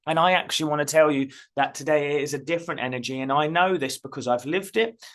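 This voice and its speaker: A man's voice: a little high, fast talker, a bit bright. A middle-aged man hosting his own channel as a spiritual coach, talking earnestly and emphatically, often repeating phrases. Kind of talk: casual direct-to-camera talk.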